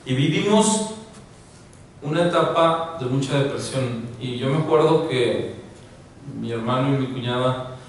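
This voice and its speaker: A man's voice: mid-range voice, measured pace, long pauses, slight background noise. A man preaching an informal sermon as pastor, chatty, often laughing, with many fillers. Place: church hall. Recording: very echoey hall, mic far off.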